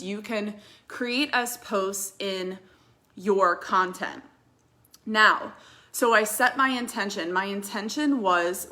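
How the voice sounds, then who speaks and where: A woman's voice: medium pitch, sharp tone. A young woman coaching viewers on social media growth in a casual vlog, talking in a chatty, direct way and laughing at her own slips.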